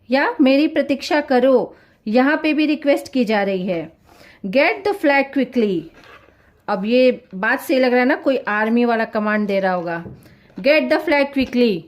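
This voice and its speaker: A woman teaching English grammar in Hindi. She speaks slowly and reads English example sentences out one word at a time, then asks the viewers a question and answers it herself. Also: sits high.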